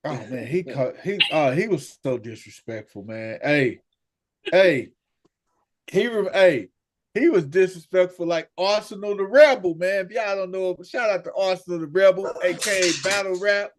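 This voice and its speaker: A man co-hosting a casual sports podcast, talking in animated bursts with stammered restarts. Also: sits high, moderate pace. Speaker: podcast co-host.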